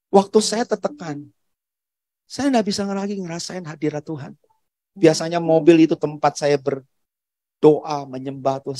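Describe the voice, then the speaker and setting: A man with an Indonesian accent preaching a sermon as pastor, telling a personal story in a conversational way with soft asides. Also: medium pitch, no echo.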